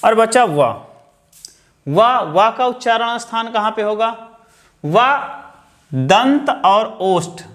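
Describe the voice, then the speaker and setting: A man's voice: high-pitched, lively intonation. A man teaching a grammar lesson, explaining step by step and repeating key terms. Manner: slow, explaining step by step with counted lists.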